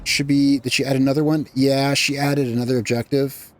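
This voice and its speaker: A man at a middle pitch giving casual commentary on a video game as he plays. He rambles and restarts his sentences, thinking aloud and chatting to his viewers. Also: flat delivery, fairly quick. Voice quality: rambling, self-correcting, chatty. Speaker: gaming channel host.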